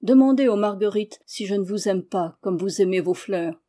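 A woman voicing a worldly male painter in a storybook reading, speaking softly, tenderly and persuasively. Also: medium pitch, moderate pace, lightly acted. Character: smooth-talking worldly man, a painter.

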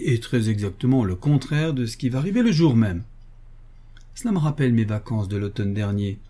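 Male audiobook reader, expressive, mellow tone, husky. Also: mid-range voice.

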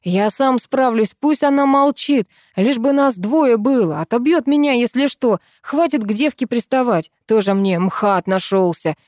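A woman's voice: on the high side, unhurried, few pauses, darkish tone, no room sound, clean studio sound, pitched above the performer's own voice, close to an everyday voice. A woman voicing a lazy, whiny male hired Santa who grumbles in slang, in an audiobook reading.

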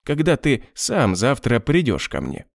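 A man voicing a scheming, ruthless male crime boss who sneers and snaps in shrill outbursts. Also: wildly swooping pitch, unhurried, vocal fry, no room sound, clean studio sound, exaggerated voice. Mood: threatening.

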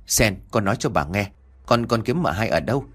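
A cunning old matriarch who gives hurried, evasive orders in a lower voice, as a man reads her in an audiobook. She sounds commanding and quick to cover things up. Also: animated, a bit bright, breathy edge. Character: cunning stout old mistress of the house.

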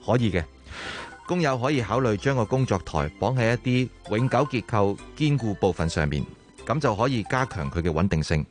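A young man acting a calm safety expert in a radio drama, giving steady, instructive explanations. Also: fairly low pitch, moderate pace, soft background music, natural voice. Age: young adult.

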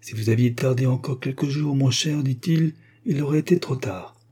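A man's voice: medium pitch, normal speed, warm tone, breathy edge, voice pushed up, natural voice. A man voicing a kindly, earnest young Orthodox priest.

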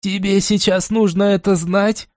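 A man voicing an impatient, sharp-tongued female herbalist mage who snaps irritably. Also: sits high, measured pace, no room sound, clean studio sound, pitched above the performer's own voice. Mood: irritated. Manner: snapping, irritated.

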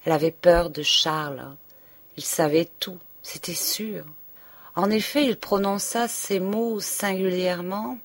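A woman's voice: on the low side, unhurried. A woman narrating a novel as an audiobook, reading expressively and dropping to a whisper at tense moments. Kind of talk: scripted narration.

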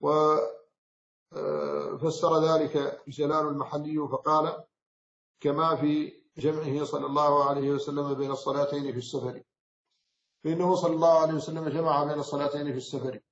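Mauritanian guy teaching a classical text, raspy fry in his voice, kinda monotone, echoey muffled recording. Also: on the high side. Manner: measured, explanatory, with frequent self-corrections and hesitations. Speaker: Islamic scholar teaching. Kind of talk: lecture explaining a classical text. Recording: roomy, slightly dull recording.

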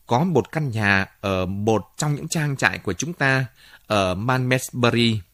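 A man's voice: mid-range voice, a little slow, a bit bright, no room sound. A man playing a determined young man in love, speaking earnestly and firmly.

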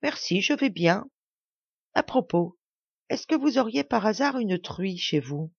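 A woman's voice: mid-range voice, lively intonation, unhurried, gravelly, breathy edge, no room sound, lo-fi sound, pitched above the performer's own voice, heavily acted. A woman voicing a sly young boy prankster in a storybook, who pleads in a mock-tearful way. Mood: pleading.

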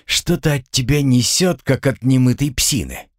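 Guy voicing a snooty preachy spirit guardian, lectures everybody, lively pitch, dry close sound. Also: normal speed, dry recording, close to an everyday voice. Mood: lecturing. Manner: lecturing and condescending. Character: lofty male spirit guardian, fastidious and preachy.

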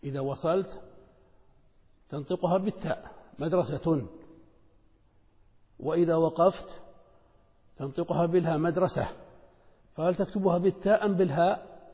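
A man explains a lesson step by step, asking questions and then answering them. His voice sits a little high and sounds warm and mellow. A long reverb trails each phrase, as in a hall. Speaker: teacher.

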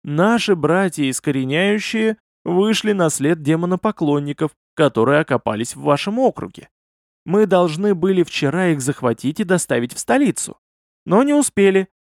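A man's voice: fairly high pitch, no room sound, studio quality. A male audiobook reader voicing a businesslike male mage who keeps his visit brief. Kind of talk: audiobook character voice.

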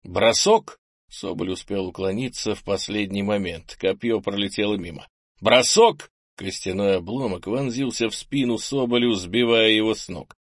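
Low-voiced man narrating an audiobook. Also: moderate pace, few pauses, dry recording, studio quality. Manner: steady, even storytelling. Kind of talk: scripted narration.

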